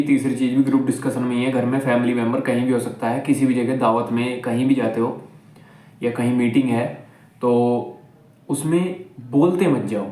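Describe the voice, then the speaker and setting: A man's voice: medium pitch, darkish tone. Young male host, blunt and preachy, seated and filmed on a camera mic in an echoey room. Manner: blunt, scolding, repeats "theek hai?" constantly. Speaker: self-improvement video host. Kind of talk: casual advice talk to camera. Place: indoors, seated while filming.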